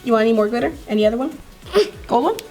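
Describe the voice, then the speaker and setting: A young woman making a casual vlog, cheerfully coaching a small child and squealing with excitement. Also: fairly high pitch, very fast. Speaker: slime vlogger. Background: background music.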